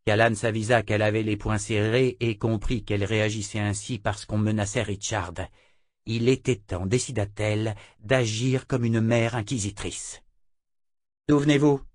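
Steady male audiobook narrator. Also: on the low side, normal speed, no room sound. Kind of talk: scripted narration. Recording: dry close mic.

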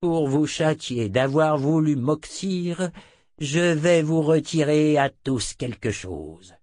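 A man reading a French audiobook, voicing a sly, theatrical male wizard who speaks slowly and deliberately with mock sincerity. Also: fairly high pitch, expressive, darkish tone, no room sound, pitched above the performer's own voice. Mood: slow, smug.

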